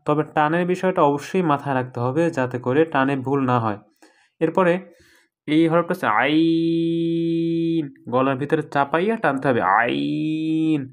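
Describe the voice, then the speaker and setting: With a mid-range voice, a man leads a recorded Quran-reading lesson, patiently explaining and sounding out each letter slowly as a model.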